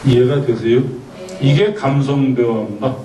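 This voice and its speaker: A man's voice: mid-range voice, steady tone, normal speed. A man giving a lecture, asking his audience questions and having them repeat phrases after him. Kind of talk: lecture on communication. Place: lecture hall. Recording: roomy, distant mic, faint background noise.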